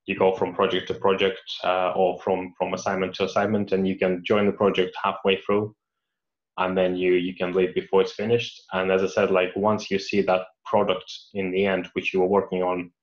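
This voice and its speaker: The speaker is a male mechanical engineer, a native Russian speaker, with a flat, low voice and normal speed. He responds hesitantly to read-out questions in a career Q&A, frequently restarting and filling pauses. The recording is lo-fi and dull.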